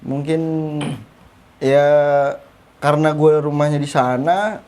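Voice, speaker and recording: A man's voice: a little high, fairly even intonation, slow pace, a little mellow. A man, a guest in a casual interview, answering in an easygoing way with short replies.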